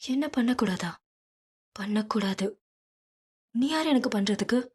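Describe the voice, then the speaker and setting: A woman's voice: medium pitch, lively intonation, unhurried, breathy edge. A woman voicing a proud, self-respecting young woman in an audiobook, speaking sharply and indignantly. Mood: indignant, hurt. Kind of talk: audiobook character reading.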